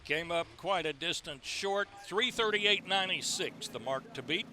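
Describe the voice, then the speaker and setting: At normal speed, a man with a high-sitting voice and lively intonation sounds pushed and bright while hosting as a tractor pull announcer. He introduces and recaps in play-by-play fashion against outdoor ambience and engine noise on a loud track.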